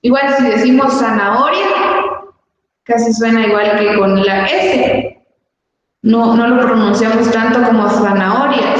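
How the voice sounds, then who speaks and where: A woman's voice: a little high, lo-fi sound. A woman teacher with a Guatemalan Spanish accent, explaining a lesson patiently and rephrasing each point. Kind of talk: recorded class lesson. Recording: echoey long reverb, far from mic.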